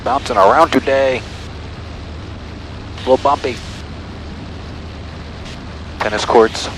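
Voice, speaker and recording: Medium-pitched and fairly even in intonation, this man speaks slowly, and the recording is rough, with loud small-plane cabin noise. He's a private pilot and aviation vlogger in the cockpit in flight, using a headset for clipped radio calls and casual self-narration.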